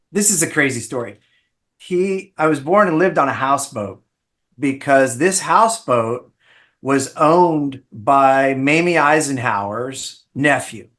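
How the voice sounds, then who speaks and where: A man's voice: mid-range voice, fairly bright tone. A middle-aged man, a guest on an interview show, telling long family anecdotes in a casual, rambling way with frequent restarts. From Bahamas-born, raised in South Florida. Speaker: podcast guest, ER physician.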